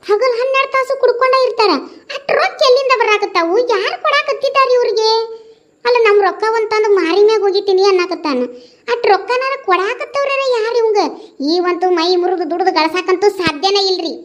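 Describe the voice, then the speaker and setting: A woman voicing a very high-pitched weary young wife. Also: brisk. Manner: plaintive, weary. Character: troubled young village wife.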